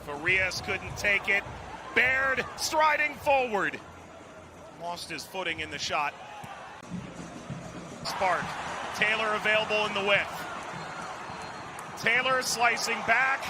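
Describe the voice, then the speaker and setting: A man's voice: sits high, a little slow, long pauses. A man doing live soccer play-by-play, calling players' names in clipped phrases. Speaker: play-by-play commentator. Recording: loud stadium noise behind commentary. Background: noisy stadium ambience.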